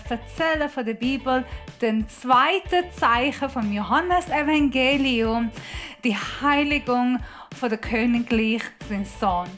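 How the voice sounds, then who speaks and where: A woman with a high voice speaks slowly and carefully as she opens a church service. Her German is simple and plainly not her first language. Soft music plays faintly behind her. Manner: non-native German, simple phrasing, acts out the voices in her joke. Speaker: church host introducing the sermon. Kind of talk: welcome and opening story.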